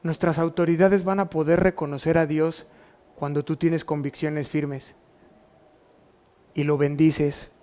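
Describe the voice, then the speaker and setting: A man's voice: a little high, flat delivery, a little slow, pauses often, dark tone. A man with a Mexican Spanish accent preaching a sermon as pastor, asking the congregation rhetorical questions. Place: church.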